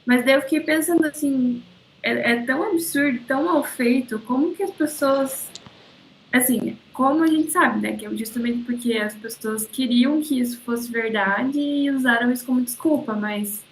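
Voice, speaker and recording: A woman's voice: sits high, normal speed, rough recording. Hesitant Brazilian woman student, faint noise. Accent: Brazilian Portuguese. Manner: hesitant, searching for words. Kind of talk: class discussion. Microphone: video call.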